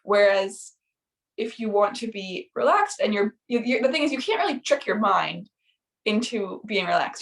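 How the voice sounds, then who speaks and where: A woman's voice: medium pitch, creaky, far from the mic. A woman teaching a guided yoga workshop in a casual, chatty way with frequent fillers, counting out movements as she leads.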